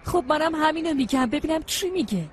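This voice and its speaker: Hulya, a bossy schemer. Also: female voice, high voice, lively intonation, soft background music. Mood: conspiring. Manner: bossy, hushed, impatient. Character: scheming nosy woman Hulya, spying and bossy. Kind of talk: Persian dub of a Turkish drama.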